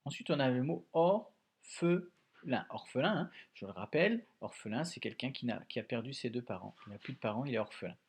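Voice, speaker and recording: A man teaching young children a dictation lesson at home, slowly and patiently spelling out syllables and sounds. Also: medium pitch, animated, breathy edge. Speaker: primary school teacher.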